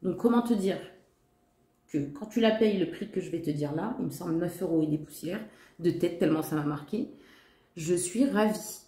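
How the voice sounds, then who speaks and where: In a casual shopping-haul vlog, a woman with a low, dark-toned voice talks straight to her viewers at a moderate pace. She gushes with enthusiasm, repeating "trop" and "magnifique" again and again. The room sounds echoey.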